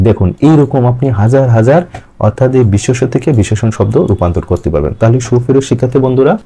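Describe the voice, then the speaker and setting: A man's voice: medium pitch, warm tone. A man teaching a grammar lesson, asking his students questions and then answering them himself. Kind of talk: step-by-step lecture.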